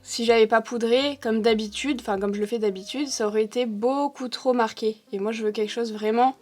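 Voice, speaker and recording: A young woman with a slightly high voice chats her way through a makeup tutorial, pausing often to find her words. Faint music plays softly underneath her voice. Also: steady tone. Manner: chatty, thinks aloud with many fillers. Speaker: beauty vlogger.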